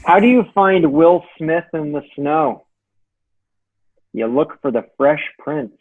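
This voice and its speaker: A man's voice: a little high, lively intonation, slow. A man telling dad jokes in a joke battle, posing a question and giving the answer, in slightly dull sound.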